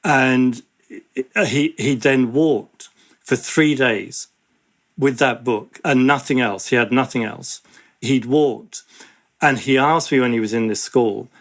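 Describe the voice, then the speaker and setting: A man, an education advocate, speaking in an earnest, measured way in an interview. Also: medium pitch, fairly bright tone. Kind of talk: reflective interview talk.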